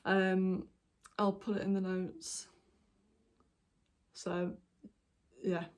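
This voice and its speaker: A woman's voice: medium pitch, level tone, extremely slow. A woman hosting a knitting podcast, chatting casually and meandering with lots of ums and apologies while she shows her projects. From United Kingdom. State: hiccuping. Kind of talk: casual show-and-tell vlog.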